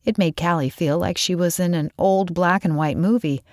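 A woman narrating a children's story in a measured, expressive way. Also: fairly low pitch, no echo, clean studio sound.

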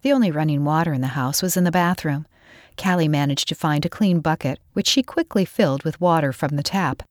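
A woman narrating a children's story in a measured, expressive way. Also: deep voice, no echo, studio quality.

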